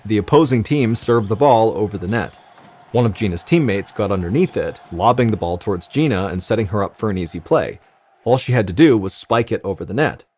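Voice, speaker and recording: A man telling a true medical mystery in scripted narration, measured and suspenseful, dropping quieter at the tense moments. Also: on the low side. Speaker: storyteller.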